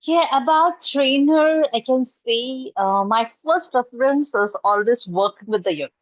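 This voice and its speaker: Speaking unhurriedly in a somewhat high voice, this Urdu-speaking woman from India answers an interviewer's questions with sincerity, though she often uses fillers and starts over. She is middle-aged, has an Indian accent, and appears as a guest, working as a college professor and trainer. The video call comes from her home, a curtain at her back, and the sound is lo-fi without echo.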